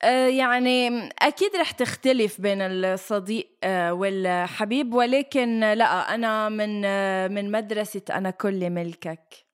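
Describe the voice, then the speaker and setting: A woman's voice: mid-range voice, moderate pace, clear, resonant tone. A woman with a Levantine Arabic accent, chatting casually as a podcast co-host. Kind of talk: casual chat.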